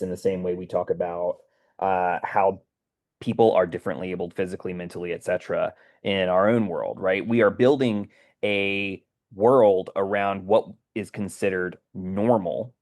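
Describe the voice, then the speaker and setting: A man's voice: sits low, steady tone, moderate pace, a little mellow. A man hosting a podcast discussion, talking earnestly and often checking in with "right?". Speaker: podcast host. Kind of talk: casual discussion.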